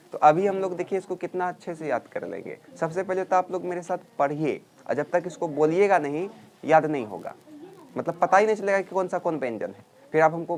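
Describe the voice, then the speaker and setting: A man teaching a grammar class, drilling students loudly and scolding them. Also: on the high side. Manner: loud scolding drill teacher, calls and answers.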